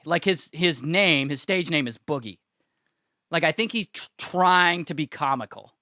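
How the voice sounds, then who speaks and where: A man's voice: a little high, expressive, unhurried, sharp tone, no room sound. A man from the United States co-hosting a casual podcast, talking with dry, joking asides. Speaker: podcast co-host.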